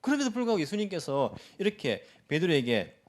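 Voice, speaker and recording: A man's voice: sits high, very animated, fairly quick. A man preaching a sermon as pastor at a church service, asking his congregation rhetorical questions and acting out the voices of imagined church members.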